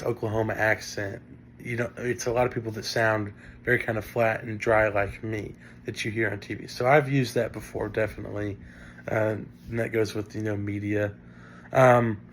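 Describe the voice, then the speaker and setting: A man's voice: lowish voice, slight background noise. A young man from northern Indiana with a Great Lakes Midwestern accent, giving a casual spoken class presentation full of fillers. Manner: casual, many fillers and restarts. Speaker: student presenting a class assignment.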